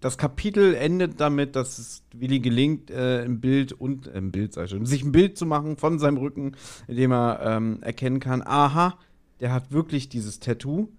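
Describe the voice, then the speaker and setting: A podcast co-host with a medium-pitched, somewhat dark male voice casually retells an audio drama episode, acting out the quoted lines as he goes.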